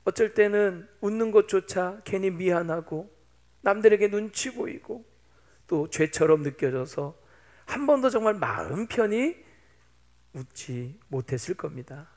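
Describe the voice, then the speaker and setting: Pastor in his fifties, man, high voice with gravel, playful and chatty sermon delivery. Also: animated, measured pace, darkish tone. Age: 50s. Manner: chatty, playful, teasing the congregation.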